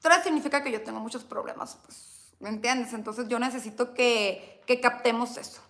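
A Mexican-accented YouTuber hosts a livestream, reading aloud from an old diary while chatting playfully with viewers she calls "chamacos" and "bebé." Her voice is fairly high and a touch bright, at a normal speed.

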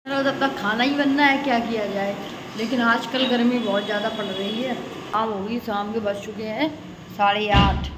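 A young woman vlogs her arrival at a hostel and her cooking in its kitchen, chatting casually to viewers. Her voice is on the high side, steady, and at a normal speed, captured indoors in the room and kitchen on a noisy phone recording.

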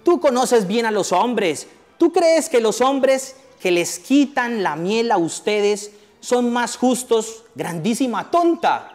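A man's voice: very high voice, expressive, slow, darkish tone, voice pushed up, full character voice. A man voicing a taunting, mocking female snake who gloats over her prey. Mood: scornful. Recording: echoey hall, faint music.

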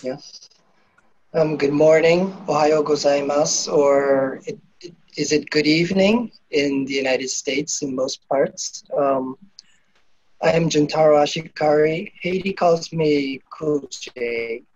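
Japanese guest on video call, unhurried and hesitant, lo-fi audio. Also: male voice, a little high, a little mellow, no room sound. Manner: hesitant, many pauses and fillers. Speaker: organ procurement director, panel guest. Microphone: computer mic on video call.

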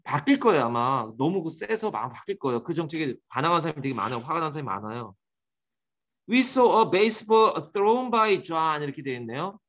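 A man's voice: fairly high pitch, sing-song, normal speed, a bit bright, dull audio. A man teaching an English grammar class, quizzing and teasing his students by name as he goes.

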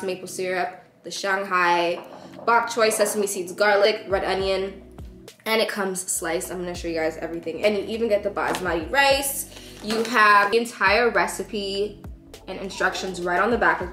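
A woman's voice: mid-range voice, a bit bright. Chatty young woman vlogging in a kitchen. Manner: bubbly, chatty, talks to camera. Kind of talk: casual vlog chat. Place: home kitchen, indoors. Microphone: handheld phone camera at arm's length. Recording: echoey kitchen with music behind.

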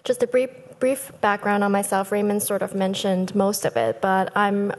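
Woman, 30s, business founder giving a prepared conference speech, animated, lectern mics, reverberant hall. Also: medium pitch, moderate pace. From Thailand. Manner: lively, gestures with both hands, speaks from a lectern. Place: large conference hall stage. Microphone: lectern microphones.

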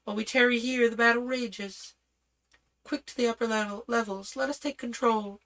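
A man's voice: extremely high pitch, steady tone, normal speed, a bit bright, voice pushed up, poor audio. A man voicing a regal, commanding young princess in a storybook reading, with imperious urgency. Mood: urgent. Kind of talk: audiobook character voice.

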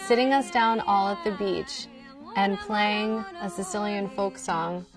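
Speaking a little slowly with fairly even intonation, a woman from Queens, New York presents a scripted educational talk to young listeners. This folk musician enthusiastically shares stories of her family and music; her mid-range voice is recorded from a distance in an indoor studio backed by a wooden wall.

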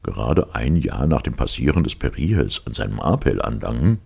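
Male reader as calm captain: very low, husky, conceding. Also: fairly quick, heavily acted. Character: easygoing male sea captain, yielding.

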